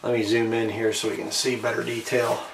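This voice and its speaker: A man with a medium-pitched, level, creaky voice narrates casually to camera as an amateur video maker showing off a collectible. He's unhurried and halting, trailing off between short phrases. The distant mic picks up an echoey room and faint background noise.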